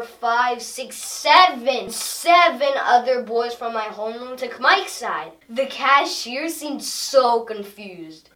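A woman voices a schoolkid daughter in a scripted learner dialogue, speaking very slowly in a bright, clear tone. The voice sits back from the mic in an echoey room. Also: a little high, far from the mic. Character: schoolkid daughter telling about her day.

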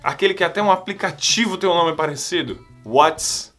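A man's voice: on the high side, normal speed, fairly bright tone, soft background music. A man teaching English phrases to Portuguese speakers in a casual, playful video lesson.

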